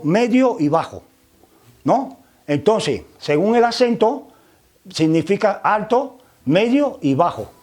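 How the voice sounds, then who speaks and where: High-voiced man teaching with tag questions. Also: darkish tone. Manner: frequent tag questions, repeats words while searching. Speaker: religious teacher. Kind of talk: explanatory lecture.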